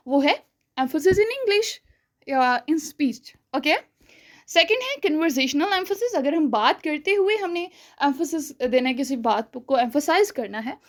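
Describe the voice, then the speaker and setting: A woman teaching a spoken-English lesson, explaining step by step, checking in often with her listeners, and showing volume changes, pauses and stretched words. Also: high-pitched. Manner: explanatory, checks in with frequent "theek hai?".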